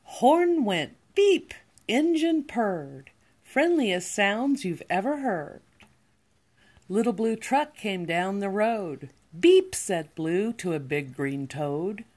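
Very slow, lively older woman reading. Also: medium pitch. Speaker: grandmother reading to a child. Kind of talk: children's picture-book read-aloud. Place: living room, indoors.

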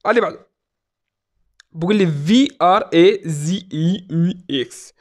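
A man's voice: high-pitched, normal speed. A man in his twenties in a small room, reading viewer questions aloud and answering them in a playful, joking way. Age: 20s. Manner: joking, playful, reads out comments. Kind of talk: casual Q&A vlog. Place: small indoor room at a desk.

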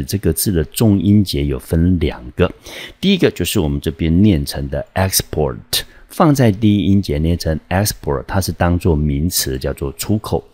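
A man teaching a high school English exam lesson, patiently explaining vocabulary and repeating key points for students. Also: darkish tone, husky, no room sound.

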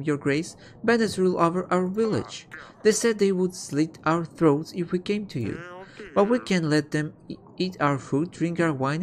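A man's voice: high voice, voice pushed up, close to an everyday voice. A man voicing a desperate peasant farmer from a fantasy game as he pleads with his ruler. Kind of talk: reading game dialogue aloud in character.

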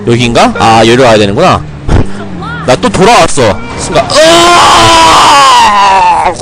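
Lively joking young man streaming a game. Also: medium pitch, a little fast, a loud crowd, very noisy. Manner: joking, talks to himself and viewers, mock scolding rants. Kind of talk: casual gameplay commentary.

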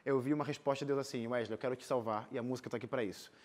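Talking very fast at medium pitch, a young man with a Brazilian accent recounts his own stories informally and animatedly. He's a singer and missionary volunteer appearing as a seated interview guest in a TV studio, and his tone is slightly mellow with fairly even intonation.

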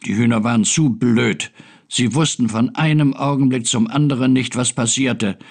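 A man narrating a children's story in a computer game, reading gently and expressively. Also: medium pitch, normal speed, creaky.

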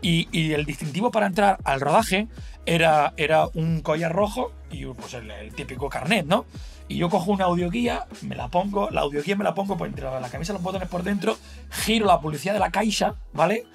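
High, gravelly Spanish man rambling animatedly. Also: brisk, soft background music. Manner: rambling, animated, full of fillers and laughter. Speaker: guest telling an anecdote. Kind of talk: casual podcast storytelling.

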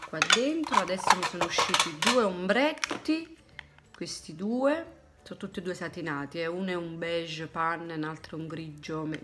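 A woman from Italy talks through her makeup products in a loose, chatty way, often trailing off into quiet asides to herself. Her voice sits a little low. She is close to a phone in a small room at home, with clear steady noise and clicks behind her. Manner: chatty, thinking aloud while tidying products, drifting to low asides. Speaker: beauty vlogger. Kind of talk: casual makeup chat to camera. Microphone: phone camera close up.

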